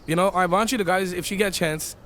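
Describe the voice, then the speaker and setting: A middle-aged man giving an Islamic lecture on a verse, animated and acting out the voices in his examples. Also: sits high, fast talker, a little hiss or hum. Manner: animated, acts out the voices of traders and arguers. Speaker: Islamic teacher. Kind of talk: tafsir lecture.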